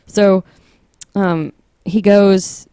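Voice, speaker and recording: A woman's voice: medium pitch, fairly even intonation, very slow, dark tone, smooth, no room sound, clean studio sound. A woman co-hosting a casual chat, retelling a story with fillers and restarts. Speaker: podcast co-host telling the story.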